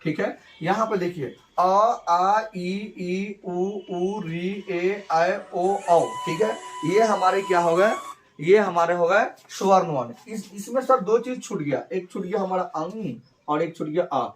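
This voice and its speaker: Guy teaching grammar class, kinda high voice, repeats stuff slow, asks himself questions. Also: a little hiss or hum. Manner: repeats phrases slowly, asks and answers his own questions. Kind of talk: grammar lesson.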